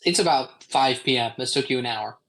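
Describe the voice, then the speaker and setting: A man runs a tabletop game, describing the scene in a measured way, pausing and filling gaps with ums. His voice sits at a middle pitch and sounds close to a streaming microphone. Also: vocal fry, fairly bright tone, low-quality recording. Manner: unhurried, descriptive narration with pauses and ums. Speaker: game master.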